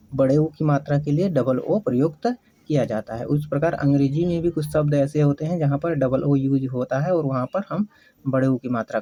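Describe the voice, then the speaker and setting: A teacher giving a slow English lesson, spelling out words letter by letter and repeating questions to the class. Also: mid-range voice, warm tone, poor audio. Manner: patient, repeats questions and answers.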